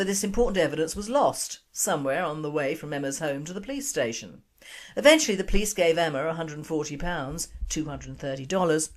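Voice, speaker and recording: Low-voiced woman reading a news narration. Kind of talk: scripted narration.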